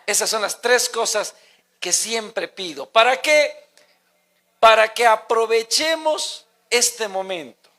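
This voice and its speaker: A man's voice: high-pitched, lively intonation, slow, sharp tone. A man, preaching a sermon and putting emphatic questions to his congregation.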